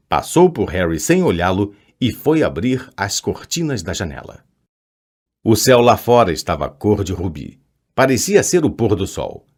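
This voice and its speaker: Casting: male audiobook narrator, fairly low voice, lively pitch, expressive storytelling. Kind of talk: scripted narration.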